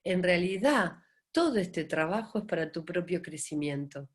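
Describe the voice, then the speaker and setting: A woman's voice: lowish voice, expressive, normal speed. A middle-aged Argentine woman teaching in a live-streamed talk, asking rhetorical questions and acting out quoted voices. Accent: Argentine Spanish. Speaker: Enneagram teacher.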